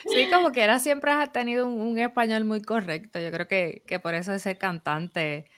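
A woman's voice: mid-range voice, normal speed, fairly bright tone, dry recording. A woman hosts a casual interview. She is chatty and laughs often, and she mimics other people's voices as she talks. Her voice sounds dry and close to the mic.

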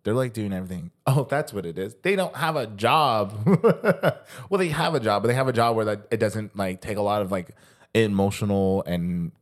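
A young man with a somewhat low voice chats on a podcast, loose and rambling. He swears offhandedly and keeps calling his co-host "dude", sounding tired but talkative. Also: a little fast. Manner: rambling, swears casually, says "dude" a lot. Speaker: fitness coach. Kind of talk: casual chat.

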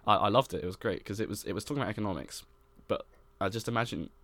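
Fast-talking young man, low voice. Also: a bit bright. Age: young adult. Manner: fast, rambling, full of fillers and restarts. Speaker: podcast co-host. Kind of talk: casual chat.

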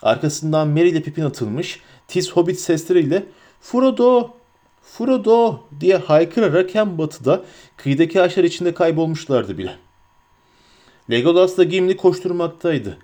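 Man reading a story aloud, lively tone, pitch on the higher side. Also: normal speed. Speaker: audiobook narrator. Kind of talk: scripted narration.

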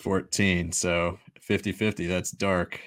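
A man's voice: deep voice, flat delivery, takes it slowly, fairly bright tone. A man giving casual, dryly amused commentary as co-host on a video game playthrough. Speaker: gaming co-host.

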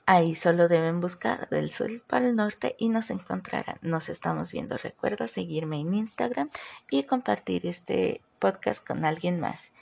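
Slow, gravelly-voiced woman podcaster. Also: on the low side, lively intonation, darkish tone. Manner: chatty, loses her train of thought and self-corrects. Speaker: podcast host. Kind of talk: casual podcast sign-off.

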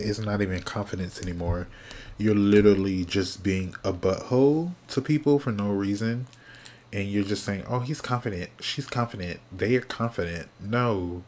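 A man hosting his own podcast alone, chatting casually and sassily from topic to topic, sounding sleepy and yawning, often trailing off into quiet mumbles. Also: low voice, a little hiss or hum. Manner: chatty, sassy, drifting between topics. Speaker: podcast host. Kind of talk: casual solo podcast chat.

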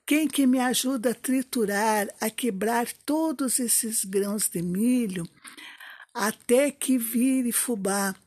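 A woman voicing a gentle patient hen. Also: fairly high pitch, takes it slowly, no room sound, pitched above the performer's own voice. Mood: asking. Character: gentle, patient hen who works alone.

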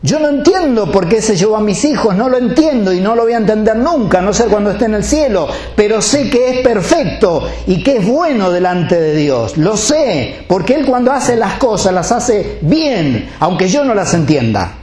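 A male pastor with a Rioplatense Spanish accent preaches in a chatty, questioning way, turning again and again to his congregation. His voice sits a little high for a man and swings widely in pitch. The sound carries the echo of a roomy church hall. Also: very animated, moderate pace, hardly any pauses, a little mellow. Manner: conversational preaching, asks the congregation direct questions. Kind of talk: sermon.

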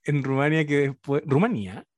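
A man's voice: on the high side, moderate pace, dry recording. Chilean man, dry close voice. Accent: Chilean Spanish. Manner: lively, joking, self-correcting. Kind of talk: casual chat.

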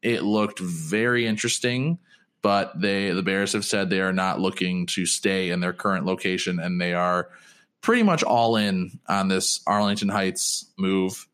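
A man's voice: low-pitched, measured pace, a bit bright. A man co-hosting a sports podcast, talking casually and rambling through news with frequent restarts. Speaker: podcast co-host.

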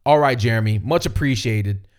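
A man hosting a fan podcast, reacting to listener voicemails in a casual, energetic way with swearing. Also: mid-range voice, normal speed. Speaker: podcast host.

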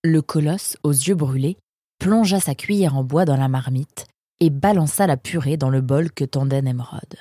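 A woman reading a storybook narration in a calm, measured way. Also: low voice. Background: soft guitar music.

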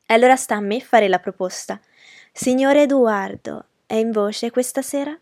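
A woman's voice: a little high, normal speed, a little mellow, no room sound, studio quality, lightly acted. A woman reading aloud and voicing a proud, mocking young noblewoman who talks in a commanding, scornful way. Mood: haughty. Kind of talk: audiobook character reading.

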